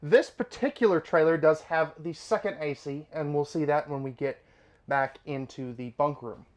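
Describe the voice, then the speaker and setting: Inside a travel trailer, a man with a slightly high voice gives a chatty, upbeat RV dealership tour at a normal pace. Casual asides pop up throughout, and he sounds somewhat nasal from allergies.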